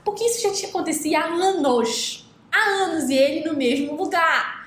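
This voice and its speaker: A woman's voice: high-pitched, a little fast. A Brazilian woman co-hosting a casual chat, telling a story and acting out what people said. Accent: Brazilian Portuguese. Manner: animated storytelling, acting out quoted dialogue. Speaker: podcast co-host. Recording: roomy echo, faint noise.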